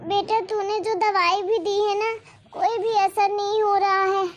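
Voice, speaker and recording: A woman voicing an elderly mother in stomach pain, who talks slowly, groans and pleads through tears. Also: extremely high pitch, flat delivery, muffled recording, slight background noise. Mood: moaning, pleading. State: crying in pain.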